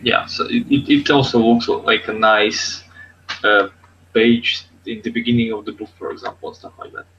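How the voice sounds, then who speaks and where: A man co-hosts a casual tech podcast over an online video hangout, speaking in loose, repetitive phrases. His medium-pitched, fairly bright voice has fairly even intonation at a normal speed. The call audio is dull and lo-fi with faint noise.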